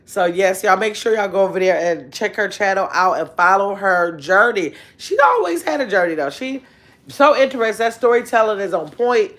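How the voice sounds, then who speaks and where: Speaking into a phone held near her at arm's length, a woman in her fifties runs a relaxed livestream from her bedroom. Her mid-range voice reads viewer comments and responds to them, animated and exclamatory, stretching out her words.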